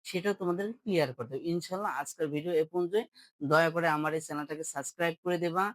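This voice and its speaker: A man's voice: fairly high pitch, rapid-fire, fairly bright tone, dry recording, low-quality recording. A man, teaching English pronunciation in an online lesson and drilling words for viewers to repeat after him.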